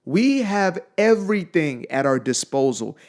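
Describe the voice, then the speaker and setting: Blunt young man with a higher voice. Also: very animated, unhurried, darkish tone. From Zimbabwe. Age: young adult. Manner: emphatic and blunt, with repeated phrases. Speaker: motivational speaker. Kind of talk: motivational monologue.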